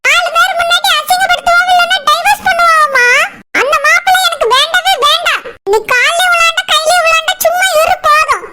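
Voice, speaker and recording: Woman doing a defiant squeaky cartoon bride. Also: brisk, far from the mic, background noise. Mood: indignant. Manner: blunt, scolding. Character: proud young bride, sharp-tongued and defiant. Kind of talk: cartoon voice acting.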